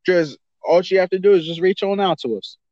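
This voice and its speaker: A man co-hosting a casual podcast, talking in loose, slangy, animated banter. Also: sits high, brisk, no room sound, muffled recording. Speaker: podcast co-host. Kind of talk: casual chat.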